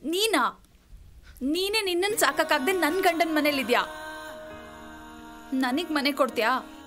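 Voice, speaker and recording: A woman acting an unfaithful wife in a comedy drama, scolding her lover in a very high, sharp voice with a Kannada accent. Clear music runs under her lines. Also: expressive, a little slow. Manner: pleading then scolding. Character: unfaithful wife thrown out, panicky and sharp-tongued.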